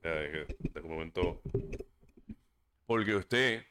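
With background noise behind him, a man hosts a casual solo podcast on a desk microphone, his voice low-pitched and slow. He comes across as earnest and preachy, now and then stumbling over words and falling into English fillers.

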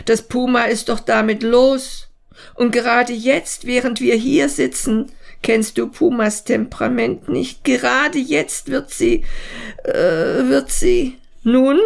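A woman reading aloud, voicing a rattled man who rushes his words in a high, strained voice. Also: creaky, heavily acted. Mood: flustered. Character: agitated man, rattled and pleading. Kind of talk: audiobook reading.

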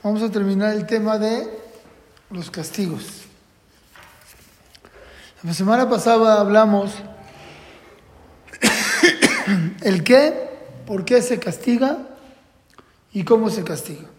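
A man's voice: sits high, lively intonation, slow, long pauses. A man lectures on parenting in an earnest, patterned way. He poses questions to the room and answers them himself. His voice rings through a reverberant hall. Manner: earnest, repeats rules in patterns, asks and answers own questions. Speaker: religious parenting teacher. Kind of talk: classroom lecture. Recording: echoey hall with long reverb.

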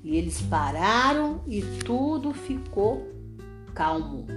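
A woman's voice: medium pitch, big pitch swings, takes it slowly, reverberant, over music. A woman leading a prayer and Bible study, earnest and repeating her phrases, often checking in with her listeners.

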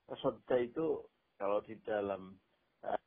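A male Islamic preacher giving a casual Quran commentary lesson over an online call, animated and explaining through spoken examples and repetition, with a tinny phone-line sound. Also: fairly low pitch, unhurried, creaky.

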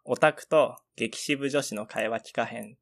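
A man's voice: medium pitch, unhurried. A young man co-hosting a podcast, chatting politely and reading out listener messages. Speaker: podcast co-host. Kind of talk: casual chat.

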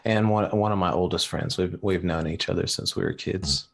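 A man who is a guest on a live-streamed podcast, talking in a laid-back, halting way with many fillers. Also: sits low, fairly even intonation, vocal fry, slightly rough. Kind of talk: casual live-stream chat.

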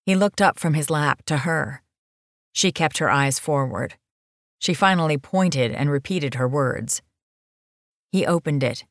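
A woman narrating an audiobook in a measured, even manner. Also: low-pitched, dry recording, clean studio sound.

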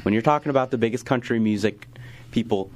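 Young male host, casual argumentative banter, quick to laugh. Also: medium pitch, darkish tone, a little hiss or hum. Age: young adult. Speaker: radio morning show host. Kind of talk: casual chat.

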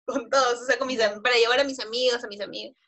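A young woman telling a story on a podcast, laughing often and animated as she talks. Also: a little high, quick pace. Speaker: podcast co-host. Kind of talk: casual storytelling chat.

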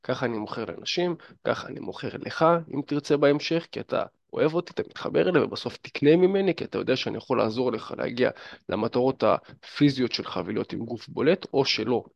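A creaky, medium-pitched male voice delivers a casual advice monologue on dating and fitness to camera, talking right at the listener with lots of fillers. The sound is muffled, with no echo.

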